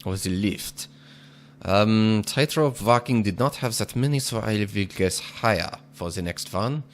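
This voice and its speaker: Speaking in a fairly low pitch, this man hosts a gaming video and chats casually about the gameplay. He puts on an exaggerated foreign accent, keeps his delivery measured and deliberate, and lets out an occasional chuckle.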